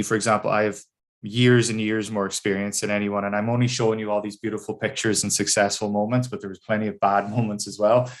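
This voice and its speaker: Middle-aged man, Donegal accent from Ireland's northwest, slightly low voice, thoughtful guest speaker explaining things informally on a video call. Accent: Donegal, northwest Irish. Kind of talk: informal career talk to students.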